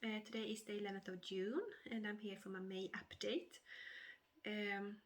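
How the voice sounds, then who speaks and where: A woman with a cold, sounding a little nasal, giving a casual stitching update vlog with many hesitant fillers and throat-clearing. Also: medium pitch, flat delivery, normal speed. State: has a cold, slightly nasal. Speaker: cross-stitch vlogger.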